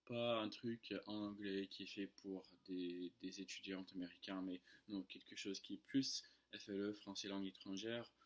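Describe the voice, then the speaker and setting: A man with a fairly low voice and an American accent speaks French as a second language. His delivery is casual storytelling, with hesitations and small slips in grammar, as a native English speaker would make. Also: steady tone, moderate pace, few pauses. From United States. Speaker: French tutor and online video creator.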